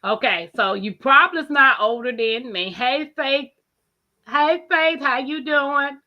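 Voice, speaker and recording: A woman's voice: high voice, a little slow, dull audio. A woman in her forties hosting a casual live-stream chat, playful and teasing, laughing often. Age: 40s. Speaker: host.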